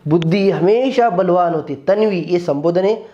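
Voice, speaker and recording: A man's voice: high-pitched, normal speed, dark tone, lo-fi sound. A man teaching Sanskrit. He reads each line of a text and then explains it word by word in Hindi.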